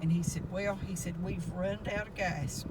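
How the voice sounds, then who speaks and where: Loud vehicle noise surrounds an older woman. She sits a little way from the mic and tells a casual, folksy story, rambling along as she goes. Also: lowish voice, fairly even intonation, moderate pace. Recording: loud car and road noise, distant mic.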